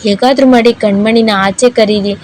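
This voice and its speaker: A woman's voice: a little high, steady tone, moderate pace, darkish tone, a little hiss or hum, natural voice, poor audio. A woman voicing a frantic young mother who pleads and wails for her child in a read-aloud story. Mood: pleading. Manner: pleading, wailing.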